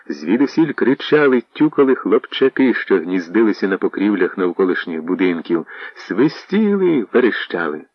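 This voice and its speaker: A man narrating a historical novel in a radio audiobook reading, with measured, expressive storytelling. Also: lowish voice, no echo. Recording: dull lo-fi radio recording.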